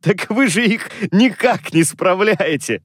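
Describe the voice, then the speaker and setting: A man voicing a cheerful, warm-hearted young man in an audiobook, lively and pleading. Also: fairly high pitch, moderate pace, no room sound, clean studio sound, voice pushed up, close to an everyday voice. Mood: earnest. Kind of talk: audiobook character reading.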